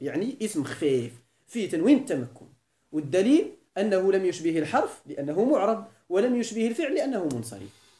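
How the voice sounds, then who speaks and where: A man with a Moroccan Arabic accent teaches a grammar lesson in class, quizzing students with frequent questions and repeating the key points. His voice is high-pitched with a dark tone. The room is echoey.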